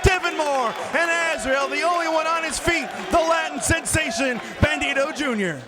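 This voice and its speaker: A man calling a live wrestling match play-by-play in excitable, exclamatory bursts. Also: extremely high pitch, normal speed. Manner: excitable, exclamatory calls of the action. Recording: noisy arena with loud crowd behind. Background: crowd noise of a live wrestling show.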